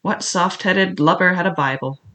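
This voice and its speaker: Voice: medium pitch, normal speed, pushed and bright, natural voice. A reader voicing a sly, scornful old pirate cook. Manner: wheedling, mocking, sly. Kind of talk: audiobook character reading.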